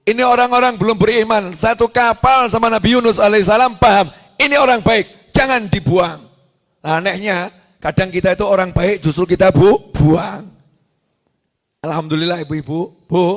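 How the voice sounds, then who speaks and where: A man preaching an Islamic sermon, telling a prophet's story with acted-out voices and jokes aimed at the women in the audience. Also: sits high. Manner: lively storyteller, acts out quoted voices, jokes with the women listeners.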